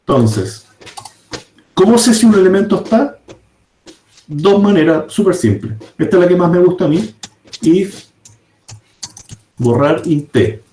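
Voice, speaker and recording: Slow, mellow-voiced man teaching code. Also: sits high, lively intonation. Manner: explains step by step, checks in with "¿ya?". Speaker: programming teacher. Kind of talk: live coding class. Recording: echoey room.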